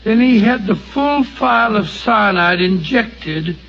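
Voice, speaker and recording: An actor playing Doctor Watson, an earnest and loyal English doctor, narrating and speaking plainly in a radio drama. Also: male voice, high-pitched, expressive, takes it slowly, creaky, exaggerated voice. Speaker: narrator and companion. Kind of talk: 1940s radio acting. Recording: muffled old radio broadcast, faint hiss.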